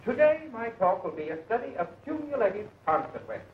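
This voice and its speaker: An actor playing a grandiose lecturer making a theatrical speech with dramatic flourishes in a 1940s film. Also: male voice, high voice, very animated, a little fast. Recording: muffled, noisy 1940s film soundtrack.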